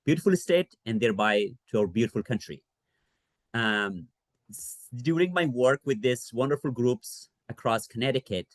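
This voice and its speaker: An earnest man from Afghanistan, associate director for refugee services, gives a library presentation in a mid-range voice. He speaks in a measured way with frequent fillers, and there's no room sound.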